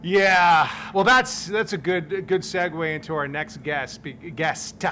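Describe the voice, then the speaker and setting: A man's voice: on the high side, a little slow, pushed and bright, slight background noise. Chatty male golf podcast host. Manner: chatty, full of fillers and restarts. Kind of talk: casual chat. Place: outdoors at a golf tournament.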